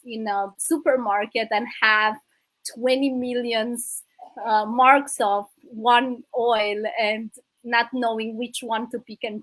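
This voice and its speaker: A woman's voice: on the high side, dry recording, poor audio. Romanian woman telling her story, fillers. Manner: warm, grateful, hesitant with fillers. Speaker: guest, business coach. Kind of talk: casual interview storytelling.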